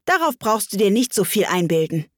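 A woman's voice: mid-range voice, sing-song, brisk, a bit bright, dry recording, studio quality, voice pushed up. A woman voicing a curious young girl in a storybook reading, speaking in an earnest, questioning way. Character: curious polite young girl, easily ruffled.

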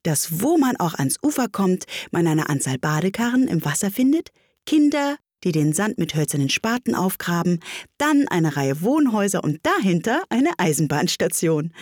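A woman narrating a classic children's tale as an audiobook, reading in an even storytelling manner. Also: lowish voice, no room sound, clean studio sound.

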